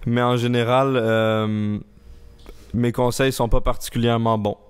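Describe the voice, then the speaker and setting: A young man in his twenties from the Laurentides speaks with a Quebec French accent that has shifted a little. His voice is smooth and clear. He talks as a podcast guest in a relaxed, low-key way, with hesitant fillers. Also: a little slow. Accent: Quebec French, slightly shifted. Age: 20s. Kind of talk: casual chat.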